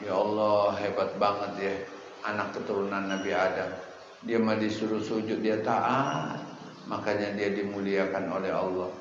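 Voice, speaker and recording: A man voicing a regretful male devil lamenting his fate in a subdued, lowered tone, recorded in an echoey mosque hall. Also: fairly even intonation, normal speed, muffled recording, slight background noise, lightly acted.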